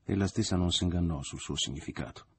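A man narrating a literary novel in steady audiobook reading. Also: low voice, fast talker, slight background noise.

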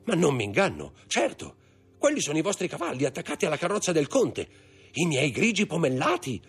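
A man voicing an indignant, haughty aristocratic baroness in a high, scolding put-on voice for an audiobook. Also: wildly swooping pitch, fast talker, vocal fry, slightly rough, faint music behind, full character voice. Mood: alarmed. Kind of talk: audiobook character voice.

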